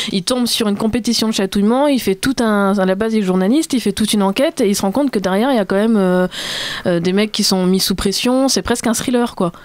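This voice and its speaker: A woman's voice: medium pitch, clear, resonant tone, no room sound. A young woman chatting on a radio film show, presenting her favourite films of the year with enthusiasm and some self-deprecating humour. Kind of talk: casual chat, presenting a year-end film list. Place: radio studio.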